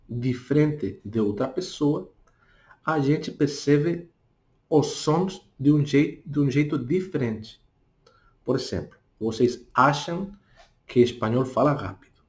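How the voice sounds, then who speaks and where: A man speaking with a Spanish accent, a native Spanish speaker who gives a casual spoken lesson, talking slowly and tagging his points with little questions. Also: mid-range voice, darkish tone. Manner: talks deliberately slowly, tags questions with "não?". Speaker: language teacher.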